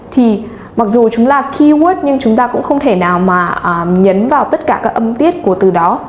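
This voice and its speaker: A woman teaching English pronunciation, speaking slowly and deliberately and stressing the key words. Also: a little high, a little hiss or hum. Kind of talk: bilingual pronunciation lesson. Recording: echoey room, faint ambience.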